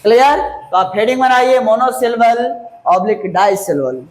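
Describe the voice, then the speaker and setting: A man teaching a grammar lesson to a class. He talks slowly and repeats key words, spells them out letter by letter and keeps checking whether the class understood. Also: very high-pitched, lively intonation. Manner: slow, repeats and spells words out, asks "clear?". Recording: echoey room.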